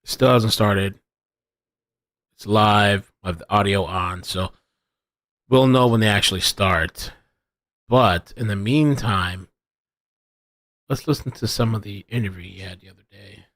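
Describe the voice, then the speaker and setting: A man's voice: lowish voice, unhurried, pauses often, fairly bright tone, no echo. A man hosting a casual live stream, thinking aloud with lots of restarts and reading viewer chat. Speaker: livestream host.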